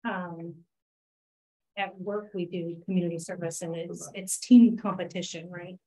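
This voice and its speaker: A woman who leads a town committee meeting, asking questions and thinking through ideas out loud. Her voice sits fairly low and has a warm, relaxed tone. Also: unhurried, rough recording. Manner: inquisitive, thinking aloud. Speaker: committee member leading the agenda. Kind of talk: meeting discussion.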